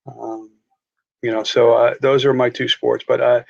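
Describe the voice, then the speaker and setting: A man's voice: medium pitch, flat delivery, measured pace, gravelly, dull audio. A man from Long Island with a Long Island accent, chatting as an interview guest about sports, with restarts and fillers. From New York, Long Island. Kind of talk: casual interview chat.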